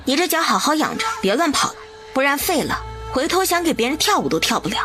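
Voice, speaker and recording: An actress voicing a confident young village woman doctor with cool, cutting retorts in an animated drama. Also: high-pitched, quick pace, over music.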